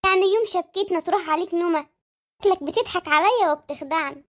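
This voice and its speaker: Squeaky sped-up voice doing a greedy flirty mistress, Adlout. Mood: coy demanding. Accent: Egyptian Arabic. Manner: coy, demanding, fast. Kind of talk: comic cartoon dialogue.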